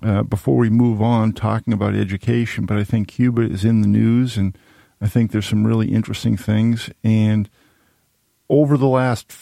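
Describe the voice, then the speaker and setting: Gravelly older man hosting talk radio. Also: lowish voice, fairly even intonation, normal speed, dark tone, dry recording, studio quality. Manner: long rambling questions with many restarts. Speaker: radio talk show host. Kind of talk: radio interview. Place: radio studio. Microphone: studio microphone.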